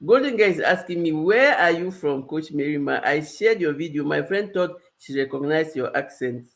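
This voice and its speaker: A woman with a Cameroonian accent coaches her viewers on a live stream, speaking earnestly like a life coach giving advice and circling back to repeat key phrases for emphasis. Her low voice has lively intonation at a moderate pace.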